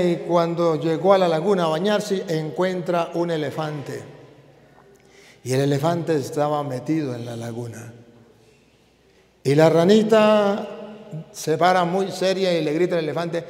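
A high-pitched male priest preaches with emphatic, repeated phrases. His words ring out through a large hall with a long reverb. He builds each point by stacking up repeated lines. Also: fairly even intonation, normal speed, darkish tone. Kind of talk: sermon.

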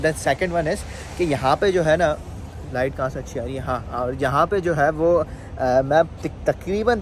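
A man's voice: on the high side, slight background noise. A young man from Pakistan, chatting casually as he walks and films himself at night. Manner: chatty, fills with "jo hai wo" constantly. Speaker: vlogger. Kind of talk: casual walking vlog. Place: outdoor city streets and beach at night. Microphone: phone held at arm's length.

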